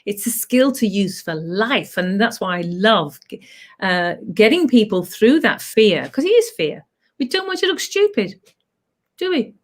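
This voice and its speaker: A middle-aged woman who teaches clowning, telling stories in a chatty, animated way. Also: medium pitch, a little slow. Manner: chatty, animated storytelling with playful asides. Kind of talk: casual chat.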